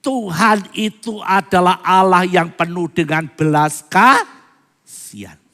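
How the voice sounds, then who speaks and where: A pastor preaching a sermon, moving between soft asides and loud, fervent appeals and asking the congregation questions. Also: male voice, sits high, slow. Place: church. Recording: reverberant church hall.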